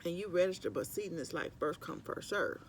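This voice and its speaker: Lively man chatting with mouth full. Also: sits high, a little fast, vocal fry, a little hiss or hum. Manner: chatting while eating, sometimes with mouth full; rambling, conversational. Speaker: mukbang vlogger. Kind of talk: casual eating chat to viewers. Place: at work on lunch break.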